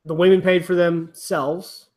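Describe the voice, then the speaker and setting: Man, casual host chat, rambling, fairly high voice, unhurried. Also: little pitch movement, darkish tone. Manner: rambling, restarts, swears casually. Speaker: rugby podcast host.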